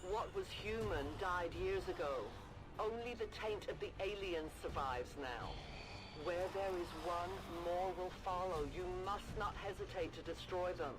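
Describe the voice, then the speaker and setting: A seasoned resistance scout in a video game, a solemn wise mentor who teaches in measured phrases. His voice sits fairly high for a man, with music clearly behind it. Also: poor audio. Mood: grave warning.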